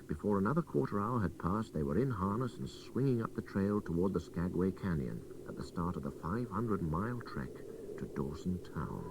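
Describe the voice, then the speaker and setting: A story reader with a deep voice narrates a literary tale, his pitch ranging widely and animatedly in a measured, dramatic delivery. The clip is from an old taped radio broadcast that sounds slightly distant with a faint hiss.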